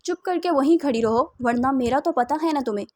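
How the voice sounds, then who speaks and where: A woman's voice: high voice, a little mellow. A woman voicing a cruel young husband who mocks and taunts his crying wife. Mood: taunting. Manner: taunting, coldly teasing.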